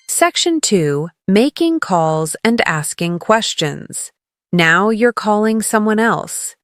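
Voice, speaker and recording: A woman with a medium-pitched voice teaches a scripted English lesson, encouraging the learner and enunciating model phrases clearly for repetition. Her manner is that of an encouraging coach. The recording is clean studio sound with no room noise.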